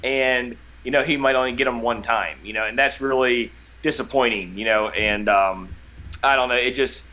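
A man with a bright, forceful voice and a country hillbilly accent talks as a guest on a podcast. He is folksy and rambles in loose, halting phrases. The audio is a little dull and lo-fi. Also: mid-range voice. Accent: rural American hillbilly twang. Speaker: podcast guest, lifelong fisherman. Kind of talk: casual, rambling conversation.

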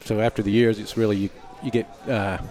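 A man's voice: on the low side, level tone, fast talker, a little mellow. A man, a race car engineer, answering interview questions hesitantly with many fillers. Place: restaurant by the ocean.

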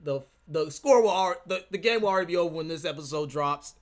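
A man's voice: on the high side, quick pace. A young man hosting a casual sports podcast, steering the discussion with slangy frat-bro talk.

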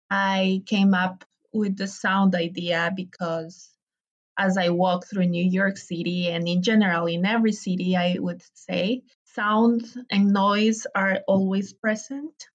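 A young woman from Ecuador, a graduate student and podcast guest, answering questions in a hesitant, casual way with pauses and restarts. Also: medium pitch, muffled recording.

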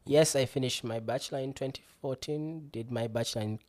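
A man's voice: mid-range voice, a little mellow. A man in his thirties from Uganda, a guest researcher talking through his work in a casual interview, often stopping to repeat words. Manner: halting, with many repeated words.

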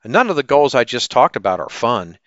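A man speaking as a teacher and podcast host in an animated, upbeat, salesy presenting style, often posing questions to the listener. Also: medium pitch, a little fast, dry recording, highs cut off. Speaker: teacher hosting an education podcast. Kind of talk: upbeat promotional ad pitch.

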